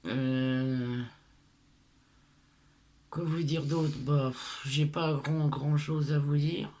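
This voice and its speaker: A woman's voice: low-pitched, darkish tone. A middle-aged woman from France with a lisp on her s sounds, chatting casually to her followers in a hesitant, rambling, self-deprecating way. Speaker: craft tutorial vlogger.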